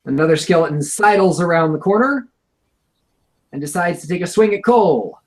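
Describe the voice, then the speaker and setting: A man runs a tabletop game as game master, talking over a home video call. His voice sits a bit high and swoops about with plenty of life. He narrates monsters with wry humor between quick rules calls. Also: animated, low-quality recording. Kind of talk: running a tabletop game online. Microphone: home computer mic on an online video call.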